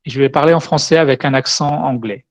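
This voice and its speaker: Male tech speaker, mid-pitch voice, walks through a live demo step by step. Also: fast. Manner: explains step by step while demoing. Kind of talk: conference talk with live demo.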